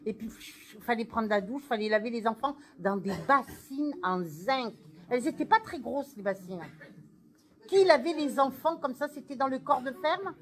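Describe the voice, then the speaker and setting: A woman's voice: on the high side, animated, normal speed, echoey room. A woman working as a medium, relaying messages in a dramatic way. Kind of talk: stage medium reading.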